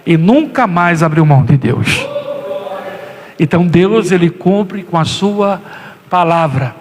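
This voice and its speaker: A Brazilian man preaching a sermon as pastor, impassioned and swinging into high, acted quotes. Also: sing-song, slow, long reverb tail.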